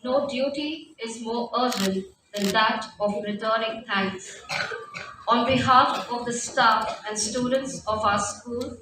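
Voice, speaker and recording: A woman's voice: fairly high pitch, slow. A woman teacher delivers a formal, scripted vote of thanks. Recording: very echoey hall, distant, faint noise.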